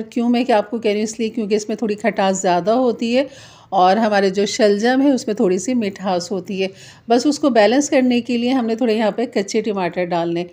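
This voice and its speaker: A woman talks through a home cooking tutorial. Her voice is mellow and warm, and she takes time to explain why each step is done, patiently and clearly. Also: medium pitch. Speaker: home cook, channel host.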